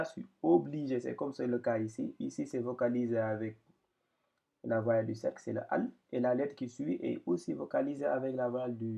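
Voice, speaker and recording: A man's voice: mid-range voice, creaky, a little mellow, lo-fi sound. A man teaching Quran reading in an explanatory lesson, patient and hesitant, often repeating words as he points things out.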